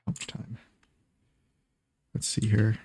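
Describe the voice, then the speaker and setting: A man's voice: takes it slowly, warm tone. A man who is streaming a game, giving casual, joking, reactive commentary on it.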